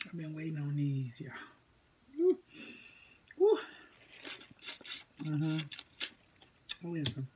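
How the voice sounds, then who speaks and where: A woman's voice: sits low, huge pitch swings, drawn-out words, pauses often, noisy background. A woman from Florida chatting animatedly to camera as she eats in a casual food vlog, full of exclamations. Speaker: food vlogger. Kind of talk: casual mukbang chat to camera.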